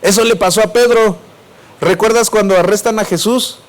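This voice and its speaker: A man's voice: sits high, steady tone, normal speed. A male preacher with a Mexico City Spanish accent, giving a sermon and asking the congregation questions before answering them himself. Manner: swings between raised and dropped voice.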